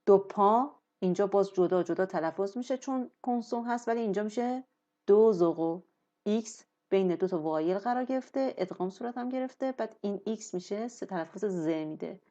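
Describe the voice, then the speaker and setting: A woman teaching French in a lesson, explaining patiently and slowing down on example words. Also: medium pitch, mellow, dull audio. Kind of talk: language lesson.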